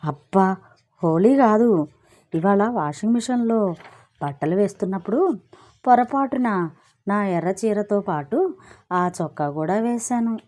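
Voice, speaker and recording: A woman's voice: mid-range voice, lively intonation, measured pace, long pauses, a little mellow, lightly acted. A woman reading a story and voicing a chatty married woman who complains breezily and justifies herself. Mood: complaining. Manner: breezy, gossipy, self-justifying.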